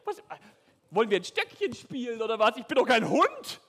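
A man voicing a scornful giant warrior in a high, squealing, taunting voice. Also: sing-song, moderate pace, a bit bright, exaggerated voice. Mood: mocking. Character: mocking giant warrior, male, huge and scornful. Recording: echoey hall.

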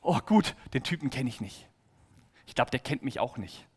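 A woman's voice: extremely low pitch, expressive, moderate pace, darkish tone, breathy edge, voice pushed down, full character voice. A man voicing an ashamed, lonely woman who talks to herself hesitantly and anxiously. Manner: hesitant, anxious self-talk. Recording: echoey hall reverb.

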